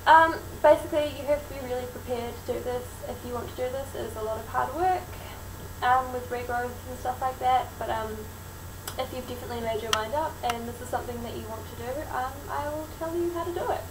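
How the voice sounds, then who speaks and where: A woman's voice: on the high side, quick pace. A woman with a broad New Zealand accent gives a frank, informal how-to explanation in casual vlog style. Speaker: vlogger. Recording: roomy, distant mic, clearly noisy.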